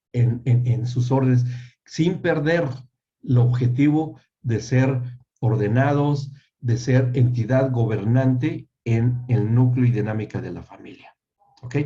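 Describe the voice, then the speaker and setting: A man's voice: mid-range voice, mellow. An older man giving a church teaching talk on family, repeating key words for emphasis and checking that listeners agree. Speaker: family ministry speaker. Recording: dull lo-fi sound.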